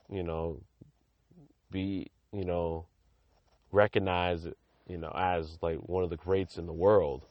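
A young man hosts a casual sports podcast, his voice sitting very low. He rambles, stacking fillers and restarting his sentences as he thinks aloud. The recording is dry and close, with no room sound. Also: dry recording, lo-fi sound. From Massachusetts. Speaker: podcast host.

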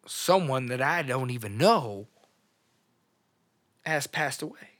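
A man hosting a podcast, talking without a plan in an emotional, halting monologue that keeps trailing off and repeating itself. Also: mid-range voice, expressive, a bit bright. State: emotional, on the edge of tears. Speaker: podcast host. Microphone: studio microphone.

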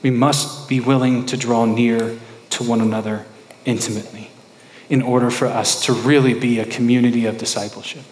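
A man's voice: mid-range voice, flat delivery, normal speed, a little mellow. A man preaching a sermon, putting rhetorical questions to the congregation and repeating phrases for emphasis. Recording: echoey hall with long reverb.

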